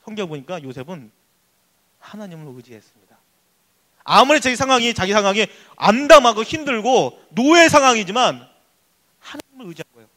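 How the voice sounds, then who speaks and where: A male pastor giving an emphatic, excitable sermon at a church youth service. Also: sits high, brisk, long pauses. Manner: excitable, emphatic preaching that acts out prayers.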